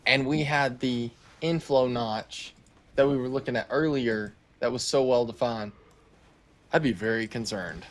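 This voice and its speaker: A man's voice: mid-range voice, a little slow. A man co-hosting live storm coverage, thinking aloud in a cautious, hedging way. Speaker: co-host storm tracker. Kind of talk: live weather commentary.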